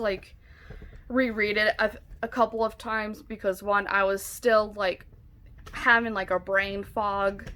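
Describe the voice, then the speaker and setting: A woman's voice: fairly high pitch, a bit bright. A woman chats loosely about what she is reading. Her talk wanders and is full of fillers like "like" and "um.". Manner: chatty, rambling, many fillers like "like" and "um". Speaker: book vlogger. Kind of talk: casual chat. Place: home, with a dog nearby.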